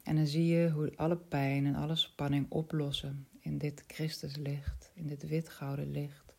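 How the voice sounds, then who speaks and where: A woman leading a spiritual guided meditation in a soft, slow voice that often drops to a whisper. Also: sits low, flat delivery, vocal fry, slightly rough.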